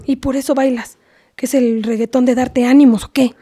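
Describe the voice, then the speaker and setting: A woman's voice: high voice, steady tone, normal speed, warm tone, slightly rough. A woman playing a scolding but loving mother with a Mexican accent, lecturing her daughter in a comedy sketch. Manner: scolding, lecturing, half-whispered.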